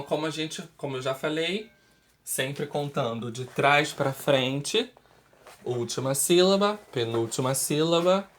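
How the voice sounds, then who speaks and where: Brazilian man, language teacher, unhurried lesson delivery, mid-pitched, keeps checking in with students. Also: a bit bright. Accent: Brazilian Portuguese. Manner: slow and deliberate, checks understanding with "ok?". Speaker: Spanish teacher. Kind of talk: recorded school lesson.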